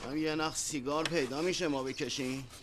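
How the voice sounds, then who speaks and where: Street hustler played by a man: high, wheedling, cheeky; a TV drama role. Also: fairly even intonation, natural voice. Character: shabby pleading street hustler, middle-aged man. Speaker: beggar looking for money. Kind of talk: TV drama acting.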